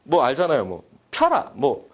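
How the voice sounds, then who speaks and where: A man giving a humorous psychology lecture to a class, animated and joking, often acting out quoted dialogue. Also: mid-range voice, unhurried. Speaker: university lecturer.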